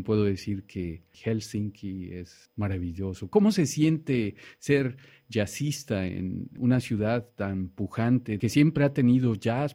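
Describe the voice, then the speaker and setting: Low-voiced, effusive male radio host. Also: warm tone. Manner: effusive, complimentary, talks over the guest with follow-up questions. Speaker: interview host. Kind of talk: radio interview.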